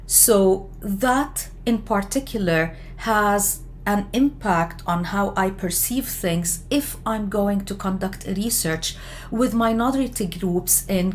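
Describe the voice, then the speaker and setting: A woman from Lebanon giving an explanatory lecture on research methods, talking in a measured way with frequent fillers and self-corrections. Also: mid-range voice, a little hiss or hum. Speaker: education lecturer.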